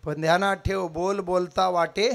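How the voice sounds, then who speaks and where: A man's voice: sits high, fairly even intonation, normal speed, creaky, fairly bright tone. A man telling a devotional story, dramatic and acting out the characters' cries. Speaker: kirtan preacher.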